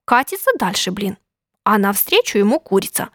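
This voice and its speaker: A woman narrating a folk tale in a rhythmic, lively storytelling manner. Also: mid-range voice, moderate pace, no echo, studio quality.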